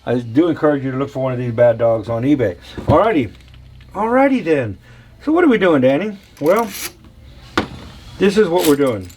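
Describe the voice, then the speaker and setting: In a workshop with slight background noise, a machinist gives a casual, hands-on engine balancing demo, playful and chatty as he talks to viewers as "y'all." His medium-pitched voice is warm and brisk, with lively intonation.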